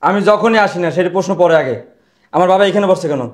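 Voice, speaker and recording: An actor playing a hot-tempered husband who rough-talks and scolds his wife and her relatives over his father. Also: high voice, quick pace, echoey room, natural voice. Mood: angry scolding. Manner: shouting, scolding, rough colloquial speech. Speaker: angry son defending his father.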